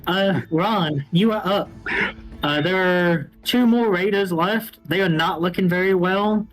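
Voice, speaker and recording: A man narrating a tabletop role-playing game as game master, in a casual, halting way. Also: sits high, poor audio. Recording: faint music behind the voice. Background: music.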